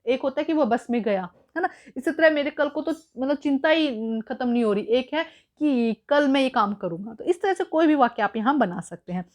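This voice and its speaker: A woman teacher walks students through a school worksheet, patient and explanatory, slipping English words into her talk. Her voice is high. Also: animated, moderate pace, hardly any pauses.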